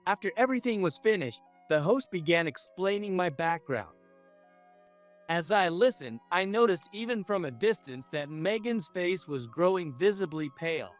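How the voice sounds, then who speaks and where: Man, story narrator, slightly high-pitched, measured, scripted first-person. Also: expressive, soft background music.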